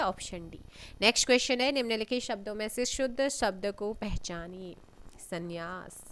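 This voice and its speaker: A woman teaching an exam-prep lesson, reading out questions and giving answers, often clearing her throat. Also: medium pitch, fairly bright tone. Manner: unhurried, reads questions then gives answers, frequent throat clearing.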